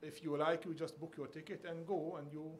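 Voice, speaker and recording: A man's voice: on the high side, flat delivery, a little fast, slight background noise. Man from Bethlehem telling a story. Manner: earnest storytelling with light humor. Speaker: conference panelist. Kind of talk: personal story at a panel.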